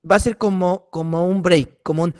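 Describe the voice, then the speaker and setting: A man's voice: high voice, fairly even intonation, moderate pace, darkish tone. A middle-aged man, a pastor giving a preaching workshop and repeating key warnings earnestly.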